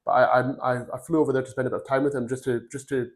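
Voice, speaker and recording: A man in his forties, from Glasgow, telling his career story as a podcast guest. He rambles in an earnest way, with a voice of middling pitch for a man. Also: flat delivery, racing. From Glasgow, Scotland. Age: 40s. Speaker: podcast guest, recruitment firm founder. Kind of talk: casual career interview.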